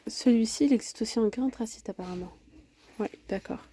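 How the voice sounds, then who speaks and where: A vlogger with a slightly high, warm, breathy voice chats casually and a little fast while walking through a big home improvement store. She lists prices and sizes with plenty of fillers, filming on a handheld phone.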